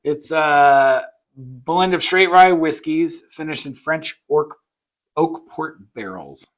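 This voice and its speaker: A woman's voice: deep voice, slow. A woman co-hosting a casual chat, joking and reading whiskey labels aloud. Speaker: co-host.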